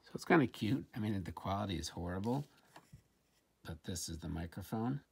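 Animated and a little fast, this gadget reviewer has a fairly low, gravelly voice. He casually demonstrates a product on an indoor tabletop, sounding slightly hesitant as he thinks out loud, while faint background noise and handling clicks come through.

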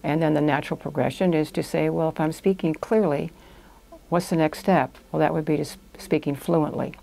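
She talks a little fast, with a deep, gravelly, dark voice and fairly even intonation. An older woman in about her 60s or 70s, she owns a language institute and is a guest in a small indoor podcast studio interview. She explains her answers conversationally, step by step.

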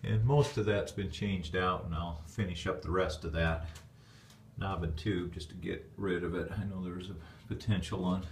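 Deep-voiced man touring his basement. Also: steady tone, normal speed, a little hiss or hum. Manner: rambling, plainspoken, with fillers. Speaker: homeowner giving a basement tour. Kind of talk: casual walkthrough narration. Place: dark stone basement, indoors. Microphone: handheld phone camera. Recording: echoey basement room.

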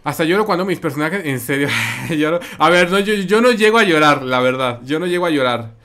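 A male streamer with a Mexican accent talks briskly in a fairly high, slightly bright voice full of animation. He comments live on his game, chats with viewers by reading and responding to their messages, and tends to say things twice.

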